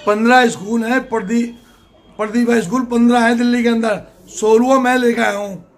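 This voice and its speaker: An older man answers interview questions in a plain, emphatic way, often saying a point twice. His voice sits high for a man. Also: fairly even intonation, a little fast, slight background noise. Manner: plain-spoken, emphatic, repeats himself. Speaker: political candidate.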